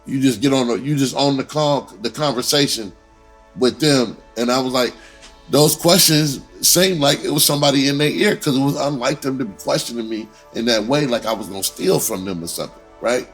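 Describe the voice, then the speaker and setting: This man, medium in pitch and fairly quick, shares a personal story in crude everyday slang, repeating lines and acting out exchanges. Music runs beneath his voice, and the audio quality is poor.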